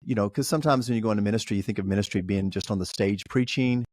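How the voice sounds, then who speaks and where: A man's voice: lowish voice, rapid-fire, darkish tone, no room sound, studio quality. A man, a pastor, hosting a podcast interview and reflecting the guest's words back. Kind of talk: conversational interview.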